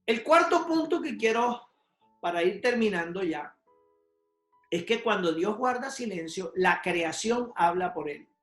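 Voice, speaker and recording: A preacher speaks slowly and deliberately, pressing each point with rhetorical questions and a repeated "¿sí?". The voice carries through a roomy church hall, with soft instrumental music underneath. The pitch sits in a middle register. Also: lively intonation. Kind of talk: sermon. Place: church sanctuary.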